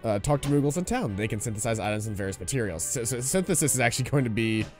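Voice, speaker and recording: A man's voice: mid-range voice, lively intonation, racing, faint music behind. A man casually commenting while he plays a video game on a live stream. He explains things as he goes and reads the game's text aloud.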